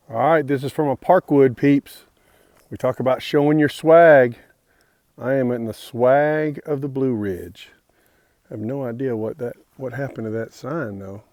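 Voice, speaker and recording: A man's voice: mid-range voice, a little mellow, no echo. A man vlogging casually outdoors on a mountain trail, friendly and rambling, with many fillers and restarts. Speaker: hiker vlogging his trail days.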